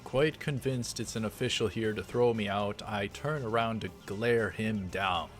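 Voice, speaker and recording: A man with a fairly low voice and measured pace hosts a let's play, narrating the game's story text aloud. Casual remarks punctuate his reading, and game music fills the background.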